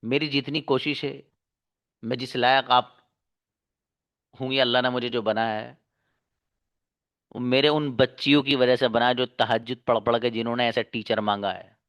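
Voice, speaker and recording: Through an online class mic, a man teaching English online speaks to his students at a medium pitch and normal speed, steady and fairly bright, pausing often. His motivational talk is earnest and coaxing, and he calls them brother and daughter.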